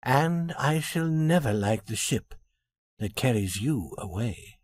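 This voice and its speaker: A man voicing a courteous young gentleman in a storybook reading, speaking earnestly. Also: mid-range voice, lively intonation, slow pace, no room sound, studio quality.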